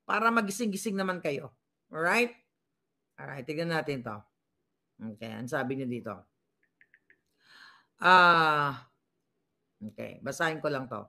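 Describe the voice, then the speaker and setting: A woman's voice: low-pitched, lively intonation, a little slow, vocal fry, pauses often, bright, forceful tone. A woman with a Filipino accent hosts a casual live political commentary stream. She talks in a scornful, mocking way and keeps stopping to read viewer comments aloud.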